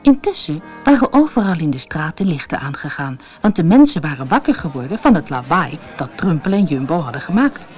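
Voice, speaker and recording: A woman's voice: sits low, sing-song, brisk, hardly any pauses, soft background music. A woman reading a children's fairy tale aloud as a storybook narrator, telling it expressively.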